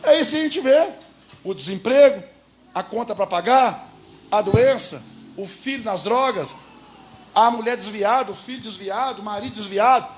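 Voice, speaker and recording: Male pastor, Brazilian accent, high voice, emphatic sermon full of questions to the congregation. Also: expressive, normal speed, slight background noise. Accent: Brazilian Portuguese. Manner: emphatic, keeps asking the congregation rhetorical questions. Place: church.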